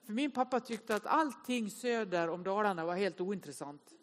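A woman's voice: medium pitch, a little hiss or hum. Self-mocking woman preaching in a reverberant hall. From inland northern Sweden. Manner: self-mocking, animated storyteller addressing the congregation. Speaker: speaker at a Sunday service. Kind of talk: humorous sermon storytelling. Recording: long reverb of a large hall.

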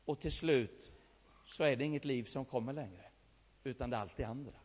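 A man preaching a sermon, telling a story with great feeling, swinging between loud outbursts and hushed, quiet passages. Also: medium pitch. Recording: long reverb of a large hall.

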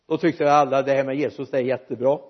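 Husky-voiced preacher man. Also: mid-range voice, highs cut off. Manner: lively preaching, jokes with the congregation. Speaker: pastor. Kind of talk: sermon. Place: church.

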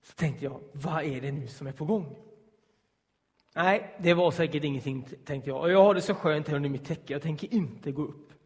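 His voice a little high and the room sounding big, a man narrates something that happened to him. Tense moments go quiet and suspenseful, and he acts out each quoted voice.

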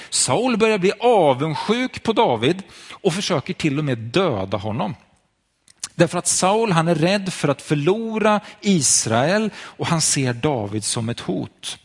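A man's voice: on the high side, slightly rough. A man preaching to viewers at home, telling a Bible story and speaking directly to the listener.

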